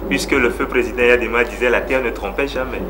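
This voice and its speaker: A male television host introduces his guest and asks questions in a measured, formal way. His sentences often fade quietly toward the end. A faint hiss runs underneath. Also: mid-range voice. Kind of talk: TV interview hosting.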